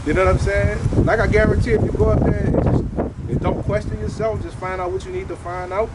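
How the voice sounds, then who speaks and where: A man's voice: sits high, steady tone, quick pace, heavy background noise. A man with a New Orleans accent giving emphatic, repetitive motivational career advice in casual street slang. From New Orleans, USA.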